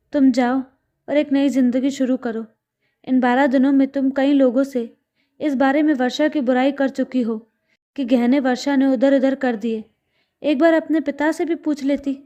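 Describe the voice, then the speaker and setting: A woman's voice: high-pitched, mellow, muffled recording, close to an everyday voice. A woman reading a stern elderly father. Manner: scolding, firm. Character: stern elderly father, grieving widower, angry.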